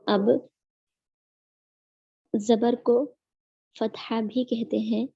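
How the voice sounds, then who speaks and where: A woman teaching Quran recitation in an online lesson, drilling each sound slowly and patiently. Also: fairly high pitch, flat delivery, gravelly, breathy edge, dry recording, lo-fi sound.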